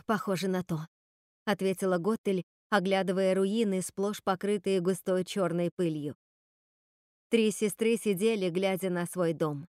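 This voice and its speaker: A woman narrating a dark fairy tale audiobook in a steady, dramatic storytelling manner. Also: medium pitch, measured pace, no echo, studio quality.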